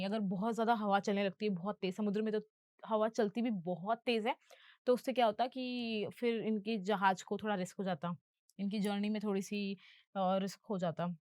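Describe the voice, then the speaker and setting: A woman's voice: mid-range voice, no echo, studio quality. A woman English teacher explaining film dialogue in a lesson, patient and going through each term step by step.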